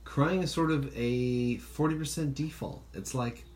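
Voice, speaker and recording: A man's voice: mid-range voice, a little slow, darkish tone. A man hosting a podcast in casual chat, rambling and swearing freely as he acts out quoted voices. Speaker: podcast host. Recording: faint background noise, birds outside.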